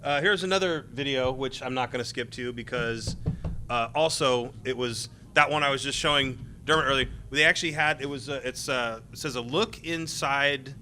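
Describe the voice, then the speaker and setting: A man's voice: mid-range voice, moderate pace, pushed and bright, slight background noise. A middle-aged man, a former game tester, telling rambling anecdotes full of fillers at a convention panel. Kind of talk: casual panel storytelling.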